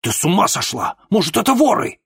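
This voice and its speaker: Man playing a grumpy stubborn older father, grumbling, husky, lively pitch. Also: brisk, exaggerated voice. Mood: suspicious. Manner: grumbling and distrustful.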